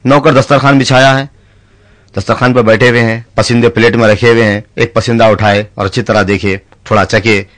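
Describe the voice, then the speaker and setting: A man's voice: medium pitch, level tone, fairly quick, fairly bright tone, no echo. A man telling short jokes on stage and switching into acted voices for his characters. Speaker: stand-up comedian.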